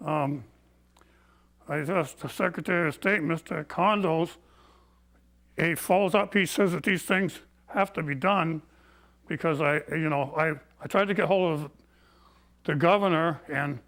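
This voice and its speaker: A man's voice: fairly high pitch, vocal fry, a bit bright. An older man, short of breath, telling his grievances as a barber in a folksy, plain-spoken, indignant way. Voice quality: breathless from COPD. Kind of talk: personal storytelling, complaint.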